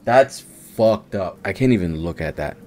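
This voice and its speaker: Sitting low in pitch, a bit slow and a bit mellow yet animated, this man in his thirties streams manga reactions with a faint hiss or hum in the audio. He reads panels aloud and comments live in casual, profane slang, close to a desk-arm mic in a small indoor streaming setup.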